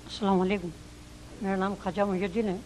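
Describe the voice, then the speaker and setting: High-voiced Hyderabadi man asking a question. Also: little pitch movement, fast talker, a little mellow, a little hiss or hum, low-quality recording. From Hyderabad, India. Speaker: audience member asking a question.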